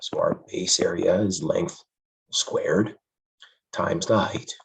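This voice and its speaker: Male math teacher with a deep voice that is going hoarse, friendly and emphatic. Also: fairly even intonation, slow pace, low-quality recording. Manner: friendly, calls students "friends", stresses key points. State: losing his voice. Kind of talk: classroom math lesson.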